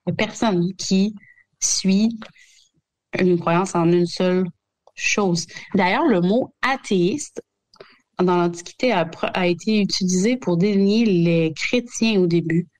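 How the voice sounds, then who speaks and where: A woman's voice: on the low side, takes it slowly, long pauses, a little mellow. A woman, a historian guest on a radio show, talking casually while sick with bronchitis, hesitant with many fillers and restarts.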